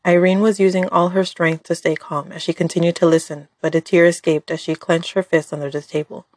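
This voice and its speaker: A woman's voice: lowish voice, flat delivery, brisk, darkish tone, dry recording. A woman reading scripted story narration as the narrator.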